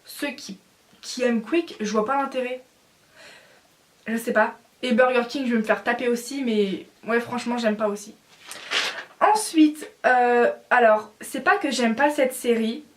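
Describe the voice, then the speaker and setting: A woman's voice: a little high, unhurried, slight background noise. A young woman in a casual opinion vlog, talking bluntly and with feeling, with many fillers. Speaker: vlogger.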